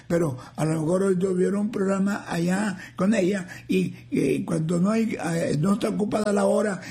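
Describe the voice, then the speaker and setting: Older man, radio host, folksy, joking, high voice, gravelly. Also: dark tone. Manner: folksy, joking, slow and drawn out. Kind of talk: reading listener messages on live radio.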